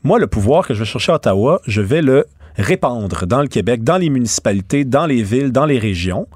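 A man's voice: mid-range voice, animated, fairly quick, a little mellow, slightly rough, no room sound, studio quality. A man with a Québécois accent giving opinionated political commentary on a talk show, with many stammered restarts. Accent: Québécois French. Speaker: radio show host.

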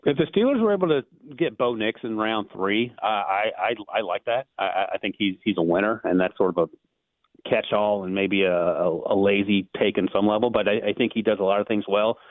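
A man calling in as a draft analyst on a sports radio show, talking fast and rambling, often repeating words as he restarts sentences. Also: lowish voice, no echo. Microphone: phone call. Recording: tinny phone line.

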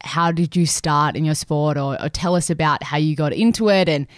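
A woman's voice: low voice, normal speed, dry recording, studio quality. Chatty woman podcast host. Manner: chatty, many fillers and restarts. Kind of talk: casual interview.

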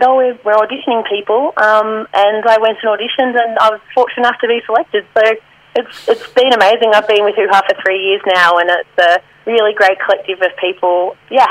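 A woman's voice: medium pitch, no echo, poor audio. A woman, an improv performer, chatting in a friendly way as an interview guest and laughing easily. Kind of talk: casual interview chat.

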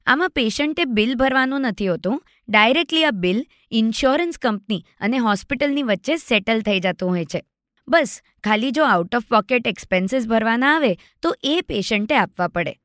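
A woman's voice: fairly high pitch, fairly bright tone, dry recording. Chatty woman podcast host, dry sound. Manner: chatty, storytelling, acts out quoted friend. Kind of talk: storytelling finance podcast.

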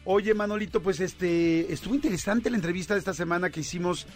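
Chatty Mexican radio host, fairly high voice. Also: male voice, fast, soft background music. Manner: animated storytelling with many fillers. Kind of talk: casual radio chat.

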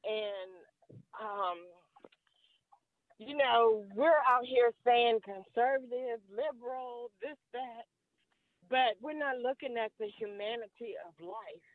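A woman's voice: on the high side, slow pace, no echo. A middle-aged woman calling in to a radio show over the phone, speaking earnestly and hesitantly with frequent ums. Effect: heard over a phone line. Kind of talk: call-in conversation. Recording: tinny phone line.

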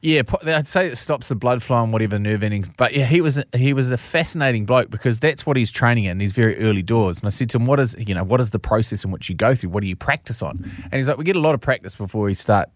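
A man's voice: mid-range voice, quick pace, dry recording, clean studio sound. A man with a broad New Zealand accent telling personal stories in casual, blokey, slangy chat as a show co-host.

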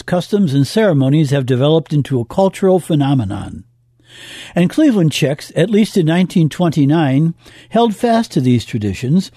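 A man with a high, mellow voice reads a scripted history story in a measured, even way. The sound is close and dry, with no room around it. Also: dry recording. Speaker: radio history narrator. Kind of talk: scripted narration.

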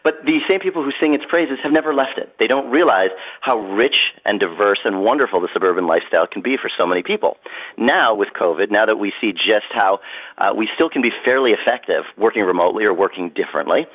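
A man from Philadelphia answers as a guest expert, rattling off emphatic points with plenty of fillers. His voice sits on the low side. The sound is dull and lo-fi, like a remote line. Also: animated. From Philadelphia, USA. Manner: emphatic, rapid, many fillers. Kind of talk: interview answers.

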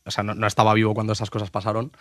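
A man's voice: lowish voice, completely flat delivery, no echo, studio quality. A young man from Spain with a Spanish accent, a golf analyst chatting on a sports show, eager and restarting his sentences. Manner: rapid, enthusiastic, restarts sentences. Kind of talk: casual sports chat.

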